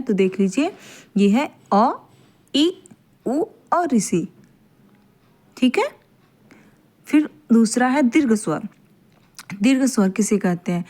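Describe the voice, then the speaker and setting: Woman teacher, fairly high voice, patient explainer who repeats points and checks in with "okay". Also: a little mellow. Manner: repeats points, often adds a checking "theek hai"; draws out vowel sounds slowly to demonstrate. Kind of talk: grammar lesson.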